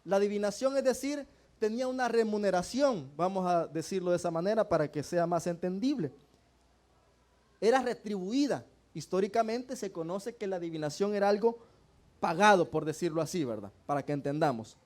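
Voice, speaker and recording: Male preacher, high pitch, call-and-response sermon style in church. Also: lively intonation, a little fast, darkish tone. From El Salvador. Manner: asks the congregation rhetorical questions and often calls them brothers.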